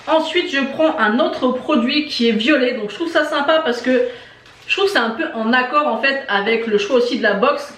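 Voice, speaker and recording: A woman's voice: sits high, normal speed, fairly bright tone, distant mic. A woman vlogger doing a casual beauty box unboxing, chatty and enthusiastic, with many fillers. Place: indoor room with shelves of lipsticks behind. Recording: echoey room.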